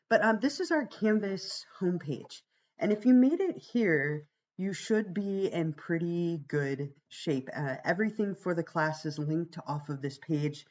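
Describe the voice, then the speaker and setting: Gravelly-voiced woman teaching on a livestream. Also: on the low side, lo-fi sound. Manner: reassuring, conversational. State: fighting a cold, voice strained from much talking. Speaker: college psychology instructor. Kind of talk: informal livestreamed class orientation.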